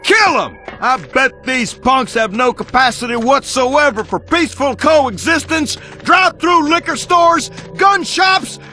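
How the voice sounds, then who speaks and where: A man voicing a loud, bigoted male space soldier in a cartoon skit. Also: extremely high pitch, expressive, a little slow, hardly any pauses, faint music behind, full character voice. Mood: gung-ho. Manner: blustering, shouting gung-ho lines.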